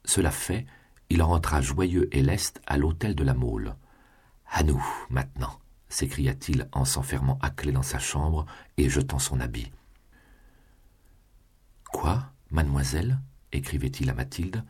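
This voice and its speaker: A man reading a classic novel aloud in a measured, literary way. His voice is extremely deep, with a strong husky breathiness. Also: darkish tone. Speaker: narrator. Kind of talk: audiobook narration.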